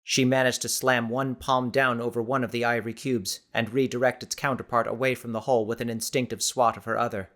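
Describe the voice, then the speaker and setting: A male audiobook narrator reading a suspenseful story. His delivery stays steady and measured throughout. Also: medium pitch. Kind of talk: scripted narration.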